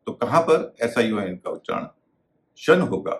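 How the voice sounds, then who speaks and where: Male tutor, lowish voice with a lot of swing; spells words out patiently. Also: big pitch swings, unhurried. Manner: methodical, spells words letter by letter. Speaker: English pronunciation teacher. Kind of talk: explanatory video lesson.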